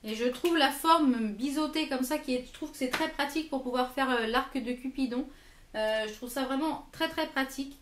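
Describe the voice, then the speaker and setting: A woman's voice: high voice, normal speed, a bit bright, reverberant, a little hiss or hum. A French woman reviewing lipsticks in her own vlog, hesitant and full of fillers and repeated words. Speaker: beauty vlogger. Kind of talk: product review.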